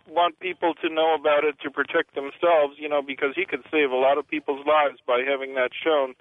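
A man's voice: a little high, no echo. Man calling in on a tinny phone line. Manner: earnest, restarts sentences while making his point. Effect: calling in over a phone line. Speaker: radio show caller. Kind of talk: casual call-in chat.

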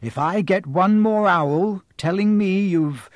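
A man's voice: sits high, slow, no echo, pitched above the performer's own voice. A man voicing a fussy, fond middle-aged mother who scolds her sons. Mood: scolding.

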